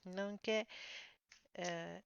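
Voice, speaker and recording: Femme à l'accent étranger, tirage de tarot. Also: female voice, lowish voice, level tone, extremely slow, creaky, a little hiss or hum. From outside France. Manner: apologetic, friendly, hesitant with many fillers. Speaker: tarot reader. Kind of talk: casual tarot reading to camera. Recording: slightly dull lo-fi sound.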